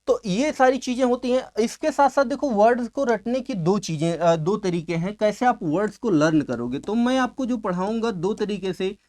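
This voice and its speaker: A man's voice: high-pitched, lively intonation, darkish tone. Male teacher lecturing, quizzing himself. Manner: asks a question, then answers it himself; repeats key words with drawn-out emphasis. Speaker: English teacher. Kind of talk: exam-prep classroom lecture.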